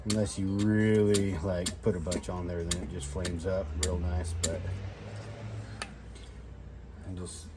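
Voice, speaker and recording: A man's voice: deep voice, little pitch movement, takes it slowly, long pauses, heavy background noise. A man chatting casually as an outdoor vlogger while he works, a bit tipsy and loose, self-deprecating and salty-tongued. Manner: tipsy, loose drinking talk. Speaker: outdoor vlogger demonstrating fire starting. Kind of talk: casual rambling chat while doing a task.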